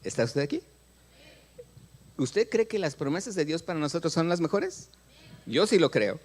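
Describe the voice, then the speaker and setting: Mexican male pastor, middle-aged, sermon voice sitting high, big swinging pitch, plays out little dialogues. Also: normal speed. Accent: Mexican Spanish. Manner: animated, acts out prayers and dialogues, asks the congregation questions. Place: church.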